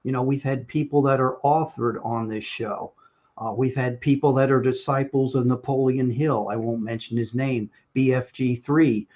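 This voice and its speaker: Man, co-host, upbeat, mid pitch, dull lo-fi video call audio. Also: fairly even intonation, normal speed, a little mellow. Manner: upbeat, says "you know" often. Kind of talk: show introduction.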